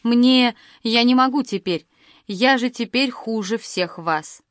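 A woman's voice: on the high side, slow, a bit bright, no echo, studio quality, pitched above the performer's own voice. A woman reading as an ashamed, tearful young woman. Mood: plaintive. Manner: plaintive, self-reproaching. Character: adult daughter, ashamed and tearful.

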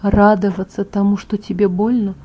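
A woman voicing a calm, protective young male vampire in an audiobook, speaking in a soft, restrained murmur. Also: normal speed, husky, close to an everyday voice. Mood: hushed. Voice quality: soft, hushed. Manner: low murmur, gentle and restrained. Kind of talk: audiobook character voice. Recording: dull lo-fi audiobook MP3.

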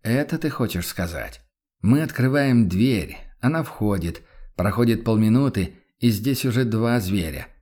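A sceptical monster hunter, read by a male narrator, speaking slowly in a lowered, quiet voice. He weighs every word with doubt. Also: animated. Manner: unhurried, doubtful.

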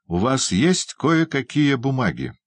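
A man voicing a grave, insistent older gentleman who speaks solemnly and slowly. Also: medium pitch, huge pitch swings, dry recording, studio quality, pitched above the performer's own voice. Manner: solemn, measured. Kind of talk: audiobook character voice.

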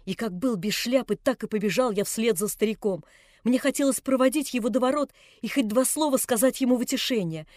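A woman reading a classic novel aloud in a measured, expressive storytelling voice. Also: fairly high pitch, no echo, studio quality. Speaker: audiobook reader. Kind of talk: literary audiobook narration.

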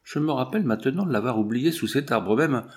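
A lively young lady playfully orders her dance partner about, as a man reads her part. The reading is at a middle pitch, in a storybook style. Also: brisk, close to an everyday voice.

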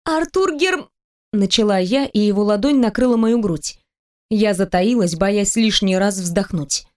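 A woman narrating a romance audiobook in the first person in an even storytelling manner. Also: medium pitch, moderate pace.

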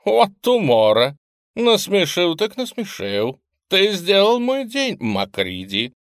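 A man's voice: medium pitch, big pitch swings, moderate pace, dry recording, clean studio sound, voice pushed up, natural voice. A man voicing a cheerful, motherly female ship computer with a melodic, lilting voice. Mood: delighted.

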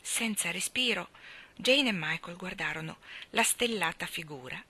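Expressive woman reading a storybook. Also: lowish voice, normal speed, slightly rough. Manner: expressive, shifting between voices. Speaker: audiobook reader.

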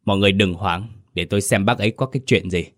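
Steady low-voiced exorcist guy done by a man, calm, asks questions slow and sure, dry sound. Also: no echo. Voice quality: calm and measured, with small hesitations. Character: calm, authoritative middle-aged male exorcist master.

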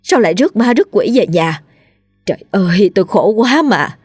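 A woman's voice: lowish voice, a little fast, dry recording, studio quality, soft background music, natural voice. A woman voicing an anxious middle-aged mother in a spoken ghost story, fretful and pleading. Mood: wailing. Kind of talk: storytelling role voice.

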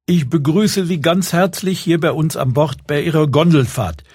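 A man's voice: on the high side, moderate pace, a little mellow, husky, dry recording, studio quality, pitched above the performer's own voice. A man voicing a burly male gondola captain who greets passengers in a broad Saxon accent, like a tour announcer. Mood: welcoming. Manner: broad dialect, welcoming announcer tone. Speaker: boat tour guide.

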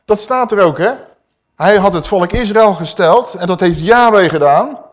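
A man preaching a sermon, emphatic and swinging between loud and hushed, calling his listeners dear people. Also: high voice, normal speed.

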